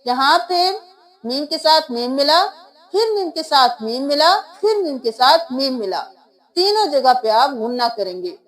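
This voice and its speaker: A woman's voice: high-pitched, very animated, unhurried, rough recording. A woman teaching Quran recitation step by step, spelling out letters and sounds one by one. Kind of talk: step-by-step tajweed lesson.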